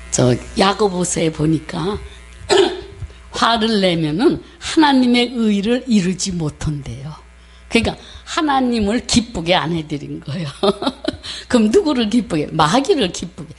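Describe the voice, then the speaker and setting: A woman missionary preaching a sermon with a personal story, talking in an animated way, acting out the voices she quotes and often clearing her throat. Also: mid-range voice, unhurried.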